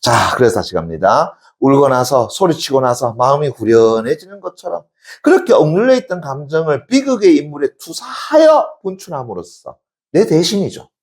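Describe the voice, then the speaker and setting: A man's voice: a little high, big pitch swings, moderate pace. A male exam-prep teacher giving a classroom lecture, constantly checking in with his class and answering his own questions. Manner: call-and-response, keeps asking "됐니?" and answering himself; emphatic, shouts out examples.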